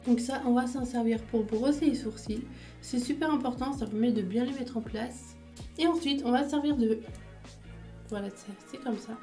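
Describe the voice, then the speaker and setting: A woman's voice: a little high, normal speed, mellow, soft background music. A woman chatting casually through her makeup routine step by step, with small fillers as she goes. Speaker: beauty vlogger.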